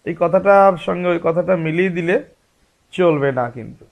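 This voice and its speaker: A man's voice: sits high, moderate pace, gravelly, highs cut off. A man giving a spiritual discourse as a religious teacher, explaining patiently and asking rhetorical questions.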